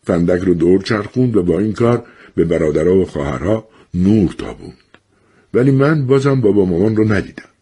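Husky, lively male storyteller. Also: low voice. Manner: lively, acts out the voices of others. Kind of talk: storytelling narration.

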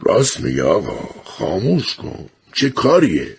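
Brief: cranky old man in a storybook reading, voiced by a man, husky tone. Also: lowish voice, huge pitch swings, darkish tone, full character voice. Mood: grumbling. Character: grumbling old man in a crowded shelter.

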